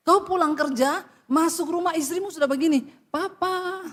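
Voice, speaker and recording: A woman's voice: high-pitched, fairly quick, fairly bright tone, big-room sound. A woman pastor preaching a sermon, blunt and scolding, telling stories from her counseling.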